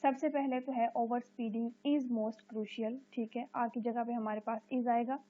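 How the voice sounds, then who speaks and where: A female teacher gives a recorded lecture, reading English sentences slowly and explaining them in Urdu with a frequent "okay". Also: on the high side, steady tone. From Pakistan. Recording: tinny phone-like audio.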